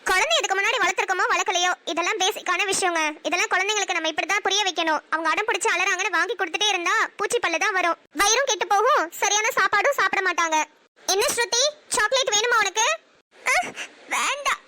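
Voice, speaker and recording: Cartoon young wife with a Namakkal Tamil accent, playful and bossy, chatty in a very high voice, woman voicing her. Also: fast, bright, forceful tone. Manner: chatty, bantering. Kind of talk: cartoon voice acting.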